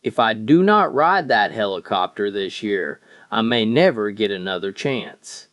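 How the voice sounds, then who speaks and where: A man's voice: lowish voice, expressive, a little slow, a bit bright, dry recording, pitched below the performer's own voice. Man playing an earnest old husband in a joke. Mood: earnest pleading. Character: thrifty 87-year-old husband, earnest and plain-spoken.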